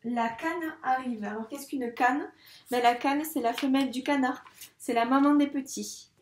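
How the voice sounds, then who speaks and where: A woman teaching a reading lesson to young children, speaking slowly and patiently with careful articulation. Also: high-pitched, steady tone, echoey room, slight background noise. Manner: slow, patient, clearly articulated. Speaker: first-grade teacher.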